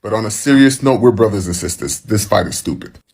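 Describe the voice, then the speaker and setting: Low husky man, casual slangy storytelling. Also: fairly quick, darkish tone. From Haitian background.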